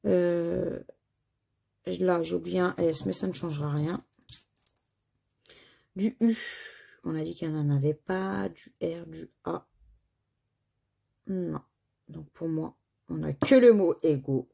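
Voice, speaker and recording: A woman's voice: lowish voice, slow pace, gravelly, pauses often, mellow, husky. A woman with a French accent chatting to viewers while she scratches crossword lottery tickets and reads out letters and words.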